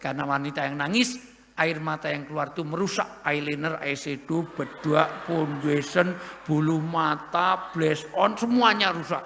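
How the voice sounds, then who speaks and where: Gravelly, bright-voiced man preaching in an echoey hall. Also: fairly high pitch, a little hiss or hum. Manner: lively, joking, sudden loud emphasis. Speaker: Islamic preacher. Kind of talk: humorous sermon to an audience. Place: large hall at an event. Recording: echoey hall with long reverb.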